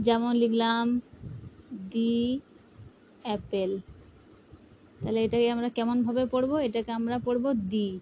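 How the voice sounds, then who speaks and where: A woman's voice: fairly high pitch, lo-fi sound, a little hiss or hum. A woman teaching an English grammar lesson, explaining patiently and asking her students rhetorical questions. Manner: patient, asks rhetorical questions, repeats "ঠিক আছে".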